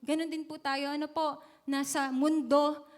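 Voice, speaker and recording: A woman's voice: sits high, level tone, a little slow. A woman with a Filipino accent preaching a sermon to a congregation, mixing Tagalog and English and often checking in with "okay?" and "amen?".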